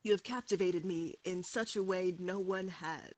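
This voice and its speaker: A woman's voice: on the low side, normal speed, darkish tone, no echo, low-quality recording. A woman reading fan fiction aloud with mock drama on a group stream. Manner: dramatic read-aloud, breaking into laughter.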